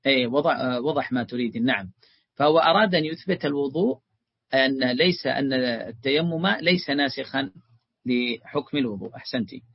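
A man's voice: mid-range voice, a little fast, pauses often, breathy edge, no room sound, muffled recording. A man teaching a religious lesson, explaining a text and calling his students his beloved ones.

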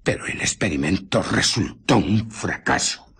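An obsessive, secretive scientist in a radio play, with an accent from Spain. His deep voice is heavily husky and breathy. He tells his tale with theatrical intensity and dramatic swings of intonation. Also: lively intonation, measured pace, fairly bright tone, full character voice. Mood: brooding, absorbed. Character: obsessive, irritable male scientist, brooding and secretive. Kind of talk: Spanish radio drama acting.

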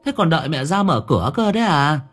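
A man's voice: fairly high pitch, very animated, fast talker, a bit bright, pitched above the performer's own voice. Man putting on a frail anxious old mother. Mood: pleading. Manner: pleading, calling out, stammering repeats. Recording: faint music underneath.

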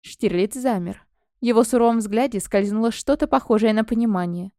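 A woman narrating a fantasy audiobook in the first person with expressive storytelling. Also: on the high side, brisk, no room sound, clean studio sound.

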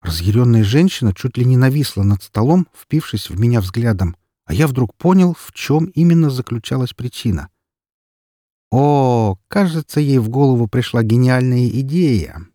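A man narrating an audiobook in the first person, in a calm, dry and ironic manner. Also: mid-range voice, no room sound.

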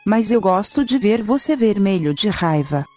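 A teasing female search-engine assistant, as a woman voices her in a radio comedy sketch. She speaks slowly and flatly, in a mocking robotic manner with a mellow, dark tone. A faint music bed runs under the broadcast. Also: medium pitch, highs cut off, natural voice. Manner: slow, flat, mocking robotic delivery.

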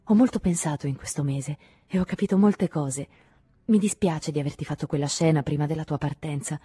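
A woman's voice: low voice, a little fast, dark tone, breathy edge, no echo, studio quality. A woman voicing an anxious, clinging woman who talks to her lover in an earnest, pleading way in an audiobook reading.

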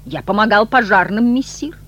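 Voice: mid-range voice, moderate pace, fairly bright tone, a little hiss or hum, voice pushed up, lightly acted. A reader voicing a glib, fawning male demon sidekick in a raised, ingratiating voice. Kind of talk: audiobook reading.

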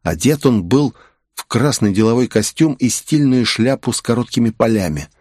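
A man's voice: medium pitch, animated, moderate pace, a little mellow, dry recording, clean studio sound. A man narrating a first-person novel in a wry, musing manner. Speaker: audiobook narrator.

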